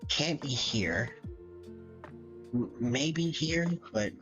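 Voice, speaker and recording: A live streamer ranks game characters in casual commentary, rambling and thinking out loud with amused, casual swearing and frequent laughter. The voice is medium-pitched, animated and very slow, captured on a dull lo-fi mic with background music playing.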